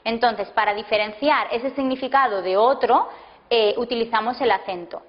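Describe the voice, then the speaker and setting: A woman teaching a language lesson, explaining rules slowly and dictating example sentences word by word. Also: fairly high pitch. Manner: slow, deliberate, breaks sentences into single words. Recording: dull lo-fi classroom video audio.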